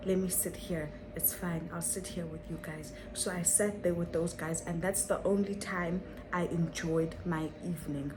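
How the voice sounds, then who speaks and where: A woman's voice: fairly low pitch, noisy background. A young woman telling a dramatic story on her vlog, full of rhetorical questions and repetition. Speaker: vlogger.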